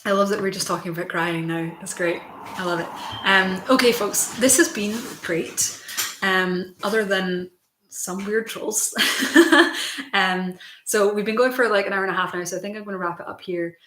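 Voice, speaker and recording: A woman's voice: medium pitch, normal speed, a bit bright, a little hiss or hum. A young woman chatting casually with her viewers on a livestream, rambling with lots of fillers. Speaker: livestream host. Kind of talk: casual chat. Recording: roomy echo.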